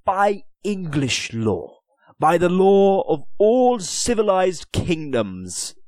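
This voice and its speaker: A man voicing a haughty, contemptuous English Lord Deputy who speaks briskly and scornfully. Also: sits high, big pitch swings, a little mellow, dry recording, clean studio sound, pitched above the performer's own voice, exaggerated voice.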